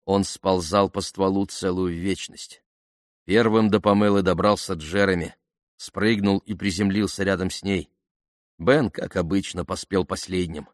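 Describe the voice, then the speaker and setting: Male narrator, low voice, dry close-miked read, measured pacing. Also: steady tone, no room sound. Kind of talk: scripted audiobook narration.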